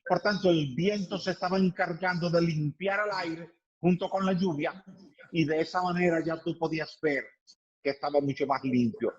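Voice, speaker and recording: A man's voice: fairly high pitch, fairly even intonation, moderate pace, muffled recording. A man speaking as an environmental expert guest in a radio interview, explaining emphatically and building points through repetition.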